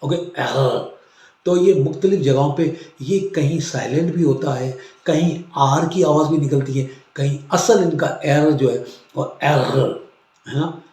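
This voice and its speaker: A man teaching a language lesson, explaining slowly and repeating each word for drilling. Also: a little high, warm tone, roomy sound. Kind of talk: classroom-style language lesson.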